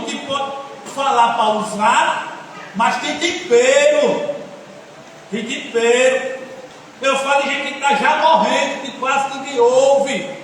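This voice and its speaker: A male pastor giving a sermon in a folksy, joking, animated way, recorded from a distance in a church hall. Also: very high voice. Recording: echoey hall from far off, faint noise.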